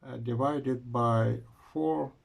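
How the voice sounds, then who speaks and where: Slow gravelly man lecturing physics. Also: mid-range voice, steady tone. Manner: slow, halting, frequent "uh" pauses while writing. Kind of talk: university lecture.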